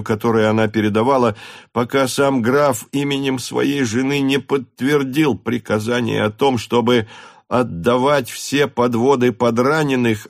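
Man, audiobook narration, measured and expressive, gravelly voice, dry sound. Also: mid-range voice, no room sound. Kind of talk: scripted narration.

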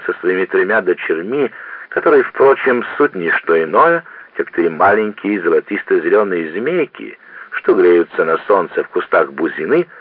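A man's voice: on the low side, no echo. A man voicing a dreamy young student who declaims earnestly and fancifully, on a tinny old radio recording.

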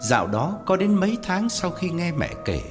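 A man narrating a story in a measured, storytelling manner. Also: high-pitched, sing-song. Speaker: audiobook narrator. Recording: long reverb with faint music.

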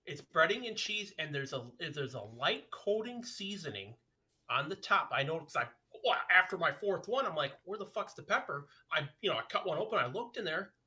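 A man on a casual podcast, insistent and profane as he tells a story and hammers his point again and again. His voice is bright and forceful, a little high, with lively swings in pitch. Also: moderate pace. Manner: emphatic, profane storyteller, repeats himself. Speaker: podcast co-host. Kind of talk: casual chat.

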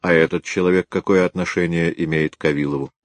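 A seasoned senior detective, thoughtful and unhurried, in a deep low voice, as a male narrator gives him lines. Dry, close audiobook sound. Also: fairly even intonation, dry recording, natural voice. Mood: musing. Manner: musing, unhurried.

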